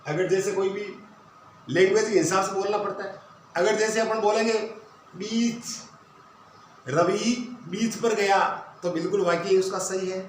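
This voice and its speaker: A man's voice: high voice, steady tone, fairly quick, a little hiss or hum. A male teacher giving a grammar lesson. He explains step by step and asks and answers his own questions. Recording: very echoey room, voice from a distance.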